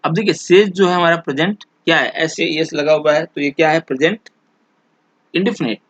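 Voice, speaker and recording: Man slowly explaining an English exam. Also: fairly high pitch, a bit bright, no echo. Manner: slow, drawn-out reading of English example sentences; explains in Hindi, keeps checking back with "theek hai". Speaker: teacher. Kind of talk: exam question walkthrough.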